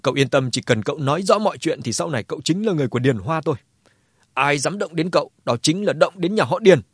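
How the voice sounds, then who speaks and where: A man's voice: fairly high pitch, animated, quick pace, husky, no echo, clean studio sound. A man doing a coldly furious tycoon. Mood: cold fury. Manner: speaking through gritted teeth. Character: furious grieving male tycoon, cold.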